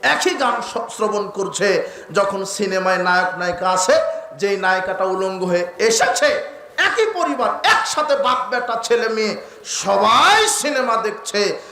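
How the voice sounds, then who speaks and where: A man preaching a sermon, fiery and declamatory, building emphatic repeated lists and rising to shouts. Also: high-pitched, lively intonation, unhurried, roomy sound. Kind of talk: Bengali waz sermon.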